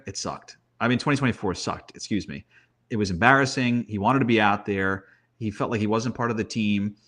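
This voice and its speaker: Speaking in a mid-range voice, a guest analyst offers sports commentary in a conversational way. He repeats points for emphasis and poses rhetorical questions.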